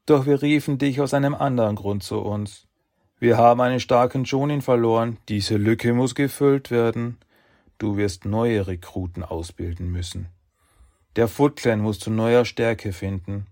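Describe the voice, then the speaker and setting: A man's voice: mid-range voice, unhurried, a little mellow, no echo, clean studio sound, lightly acted. A man voicing cold, menacing, authoritative clan elders in a dramatic audiobook. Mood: stern, commanding. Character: three shadowy clan elders, cold, monotone, commanding, menacing.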